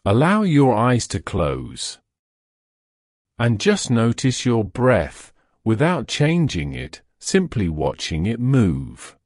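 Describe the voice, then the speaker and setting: Slow, soothing man guiding deep relaxation. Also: huge pitch swings, a little mellow, dry recording, studio quality. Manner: slow, soothing, drawn-out delivery. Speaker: sleep hypnosis guide. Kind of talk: guided relaxation script.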